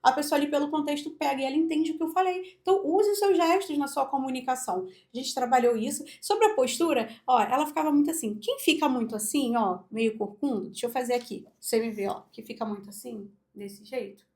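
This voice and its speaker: A woman's voice: high-pitched, fast talker, few pauses, a little mellow. A woman with a Brazilian accent, a speech therapist, teaching voice and posture in an instructional video with live demonstrations, explaining step by step. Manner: demonstrative, explains step by step, often says "look". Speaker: speech therapist and public speaking coach.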